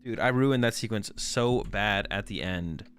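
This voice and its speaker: A man's voice: on the low side, unhurried, a bit bright, clear, resonant tone, soft background music. A young man chatting casually on a live stream, joking around in a slangy, self-mocking way as he rambles through a sponsor read. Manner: laid-back, joking, slangy with dude and bro. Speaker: card game streamer.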